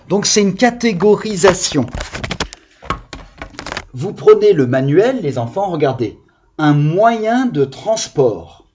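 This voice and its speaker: Male primary teacher, lively pitch, slow patient delivery, dull lo-fi sound. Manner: slow, patient, spells out syllables. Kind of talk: remote lesson for young children.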